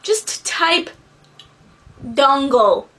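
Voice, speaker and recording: A young woman with a high voice chats to a camera in a small bedroom, reviewing a book. She talks candidly and rambles a little, with casual swearing in her speech. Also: animated, drawn-out words, a bit bright. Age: young adult.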